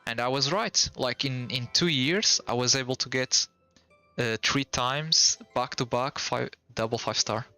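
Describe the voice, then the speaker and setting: A young man streaming games, Portuguese-accented and a native Portuguese speaker, talks casually and loosely with viewers, using slang and restarting often. His mid-range voice is unhurried with a sharp tone, recorded dry over soft background music.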